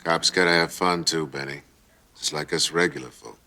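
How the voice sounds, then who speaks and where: Very deep, gravelly private eye. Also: male voice, fairly even intonation, normal speed. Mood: wry, pressing. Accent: American. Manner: laconic, wry. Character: world-weary, hard-boiled male private detective. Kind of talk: noir detective drama with voice-over narration. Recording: clearly noisy film soundtrack.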